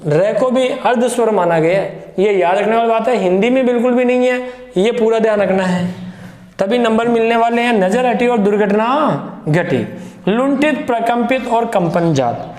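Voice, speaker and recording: A man teaching Hindi grammar for exam preparation, slowly and emphatically, repeating key terms. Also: high voice, a little mellow. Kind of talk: exam-prep grammar lesson. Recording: echoey room with long reverb.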